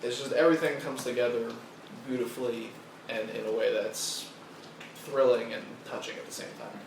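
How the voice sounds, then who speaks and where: Gravelly man in an echoey room. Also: mid-range voice, steady tone, moderate pace, distant mic. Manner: laid-back, laughs often. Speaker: podcast co-host. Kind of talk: casual film chat. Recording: echoey room, noisy, off-mic.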